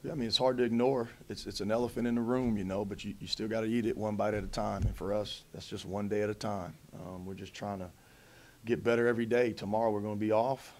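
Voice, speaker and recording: A man in his thirties, a head coach at a post-game press conference, answering in a measured way with many fillers and restarts into a table mic. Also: on the low side, fairly even intonation. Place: press conference room in front of a backdrop. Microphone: table mic in front of him.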